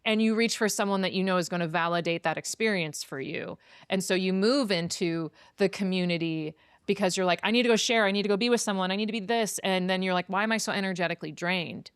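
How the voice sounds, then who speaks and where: Woman hosting a podcast, rambly and chatty, smooth voice, dead dry sound. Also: medium pitch, fast, no room sound. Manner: chatty, explains with lots of fillers. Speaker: podcast host. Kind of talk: casual conversation.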